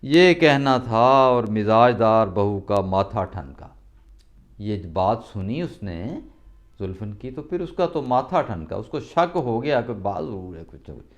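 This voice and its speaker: A man's voice: on the low side, sing-song, highs cut off. A male teacher reading a story aloud and retelling each line in plainer words, often repeating himself. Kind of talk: reading and explaining a story lesson.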